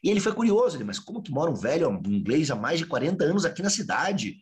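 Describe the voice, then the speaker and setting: Fast-talking man telling a story. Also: on the high side. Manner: animated storyteller acting out dialogue. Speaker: researcher. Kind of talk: interview storytelling.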